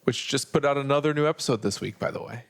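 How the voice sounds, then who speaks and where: A man's voice: medium pitch, fast talker, creaky. A man co-hosting and moderating a podcast, chatting casually with playful, teasing banter. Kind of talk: casual chat.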